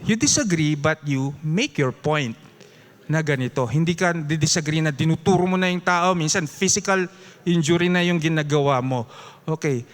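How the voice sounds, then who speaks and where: Filipino man, high voice, lively Bible study teacher who chuckles and calls on the congregation. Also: moderate pace. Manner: lively, mixing English into Tagalog, with chuckles and audience prompts. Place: church.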